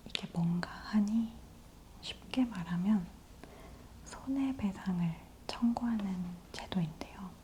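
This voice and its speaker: A woman host whispering softly and close in an ASMR news briefing, gently explaining things to the listener. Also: medium pitch, a little hiss or hum. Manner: slow, gentle explaining to the listener in polite speech.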